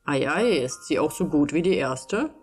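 A greedy, haughty landlord, as a woman reading a storybook plays him. His low voice talks down in a lordly, condescending way. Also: expressive, moderate pace, soft background music.

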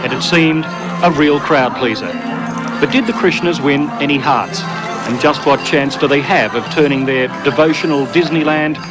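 An Australian man narrating a television news feature in a wry, measured voice-over. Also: a little high, over music, poor audio. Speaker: television reporter.

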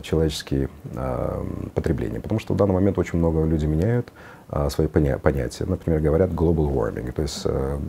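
Very deep, gravelly man. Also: mellow, slight background noise. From Uzbekistan. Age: middle-aged. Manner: hesitant phrasing, slips in English words. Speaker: interview guest, car designer. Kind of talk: conversational studio interview. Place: TV studio. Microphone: lapel.

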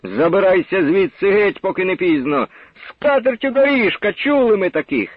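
Man doing a mob of deserters yelling n mocking, high and hoarse. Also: lively intonation, normal speed, no echo, narrow, tinny audio. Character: rowdy hostile deserters, men.

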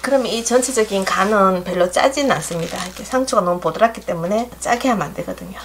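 A woman's voice: mid-range voice, quick pace, slight background noise. A middle-aged woman with a Gyeongsang accent, hosting a home cooking demonstration in a chatty, homey way, with dishes clinking in her kitchen. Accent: Gyeongsang Korean. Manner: chatty, homey step-by-step instructions. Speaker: cooking channel host. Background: clinking dishes and pots.

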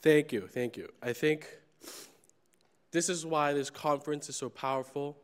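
A man's voice: fairly high pitch, moderate pace, some chatter behind. A young man from China speaks to a conference audience from a large stage, holding a microphone. His tone is candid and earnest, with hesitations and fillers. The sound carries the long reverb of a large hall. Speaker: conference organizer giving closing remarks. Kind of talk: personal speech on stage. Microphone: handheld microphone.

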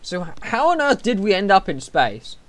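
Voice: medium pitch, sing-song, moderate pace, fairly bright tone. A gamer chatting casually while playing, laid-back and jokey. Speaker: gaming co-host. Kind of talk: casual gaming chat.

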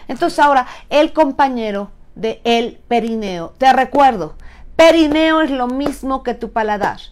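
A woman's voice: sits high, a little slow. A middle-aged woman with a Mexican accent, hosting a frank, playful live talk as a sexuality educator. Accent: Mexican Spanish. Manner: animated, playful, frank and chatty.

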